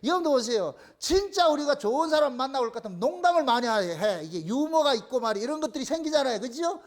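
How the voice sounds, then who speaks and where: A man's voice: extremely high pitch, fast. A middle-aged male pastor with a Gyeongsang accent, preaching a playful sermon and acting out little scenes in voices. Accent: Gyeongsang Korean. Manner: animated, playful, acts out phone calls in voices.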